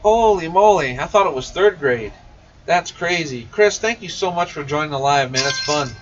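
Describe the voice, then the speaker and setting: Chatting casually on a live stream, an enthusiastic radio shop technician answers questions in an informal way. His voice sits on the high side and is animated, at a moderate pace. It's captured by a distant, muffled mic with faint noise.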